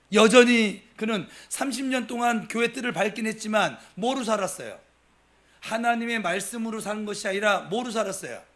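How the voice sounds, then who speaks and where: A middle-aged man from Gimcheon, preaching a sermon at a Wednesday prayer service, swinging between loud emphasis and soft asides as he talks with the congregation. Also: high voice. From Gimcheon, Gyeongsang province. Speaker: pastor.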